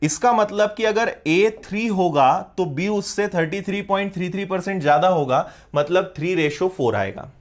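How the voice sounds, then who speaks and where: A man with a fairly high voice teaches maths in a live online class and speaks with a Hindi accent. He walks through each step slowly and keeps asking his students whether it makes sense. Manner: explains step by step, checks often if students follow.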